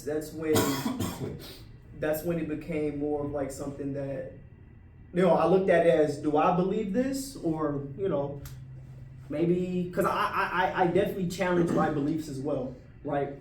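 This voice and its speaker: A man's voice: fairly high pitch, darkish tone, far from the mic, a little hiss or hum. A man in a casual discussion, talking in a laid-back way, full of fillers like "like" and "right". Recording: roomy audio from off-mic.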